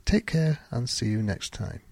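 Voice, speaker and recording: Guy doing a slow english pronunciation lesson podcast, husky gravelly voice, dry close sound. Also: medium pitch, big pitch swings, a little mellow, dry recording. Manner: deliberate, clearly spaced delivery with example sentences. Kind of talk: slow, careful teaching monologue.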